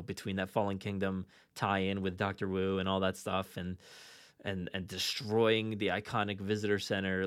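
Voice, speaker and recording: A podcast host with a low, clear, resonant voice chats casually and enthusiastically, animatedly acting out his own reactions. The recording is clean studio sound with no room echo.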